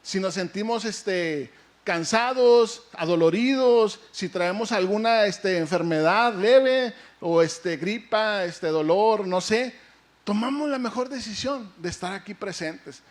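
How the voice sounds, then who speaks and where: A male pastor preaching a lively sermon, asking the congregation questions and acting out the story. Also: high-pitched, slow.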